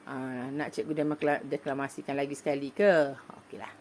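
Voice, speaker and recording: Woman teacher, Malaysian Malay accent, deep voice, patient step-by-step explaining, faint background hiss. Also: little pitch movement. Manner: patient, explaining step by step with many "okey" fillers; slow, loud, emphatic when reciting poems. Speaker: primary school teacher. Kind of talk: online lesson for young pupils.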